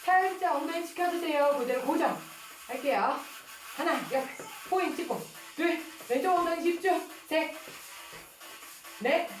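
A woman leading a workout as an instructor, counting reps aloud in short, clipped commands and exhaling audibly between counts. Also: sits high. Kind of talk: workout coaching with rep counting. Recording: roomy echo with music behind. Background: music.

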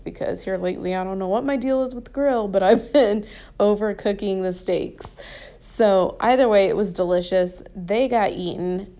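A woman's voice: medium pitch, mellow. A woman, chatting cheerfully in a casual voice-over about her home cooking. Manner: chatty and upbeat, repeats herself. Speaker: cooking channel host.

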